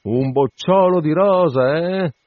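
Stubb, a man doing a loud mocking sailor. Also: medium pitch, lively intonation, normal speed, dry recording, close to an everyday voice. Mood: mocking, jovial. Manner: loud, teasing, shouted banter. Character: brash jovial sailor mate, loud and mocking. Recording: dull lo-fi dry recording.

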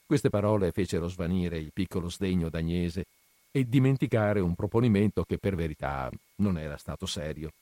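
A man reads a classic novel aloud in a measured, literary way. His voice sits on the low side. The sound is dry and close, with no room around it. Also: lively intonation, mellow, no room sound. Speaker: reader.

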